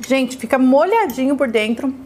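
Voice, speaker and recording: A woman's voice: sits high, expressive, moderate pace, darkish tone, a little hiss or hum. A woman with a Brazilian Portuguese accent hosting a chatty cooking demonstration in a kitchen, effusive and exclamatory, fondly addressing her viewers. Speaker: cooking show host.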